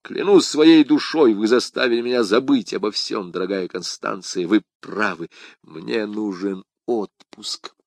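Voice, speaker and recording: A man's voice: fairly low pitch, measured pace, gravelly, dry recording, clean studio sound. A man voicing D'Artagnan, a proud, lovestruck young swordsman, speaking eagerly and exclaiming often in an audiobook reading. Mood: ardent.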